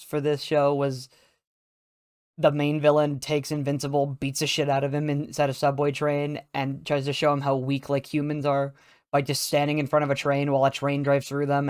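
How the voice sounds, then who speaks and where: A man's voice: a little high, darkish tone, clean tone, no room sound, clean studio sound. A young man chatting casually about a show, rambling with many fillers and frequent laughs. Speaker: video creator. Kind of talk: casual chat.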